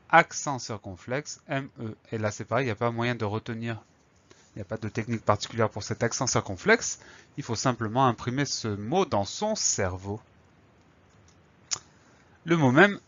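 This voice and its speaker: A man's voice: mid-range voice, a bit bright, highs cut off. A man teaching a spelling lesson, patiently breaking words into syllables and spelling them letter by letter.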